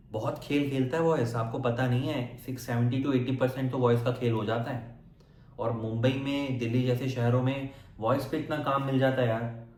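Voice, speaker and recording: A man's voice: medium pitch, darkish tone. Man coaching actors in an echoey room. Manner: direct, repetitive, checks in with the viewer. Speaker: acting coach. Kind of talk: casual motivational lesson.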